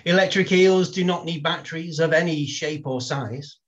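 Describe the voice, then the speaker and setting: A man appears as a poet guest, chatting in a wry, self-deprecating way and reading a comic poem with playful timing. His voice is on the high side and moderately paced, and the sound is lo-fi.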